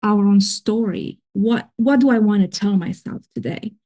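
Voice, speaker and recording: Her voice mellow and medium in pitch, a podcast guest with a foreign accent recounts her personal story at a normal speed. She grew up in another country, and her manner in this casual interview is earnest and reflective.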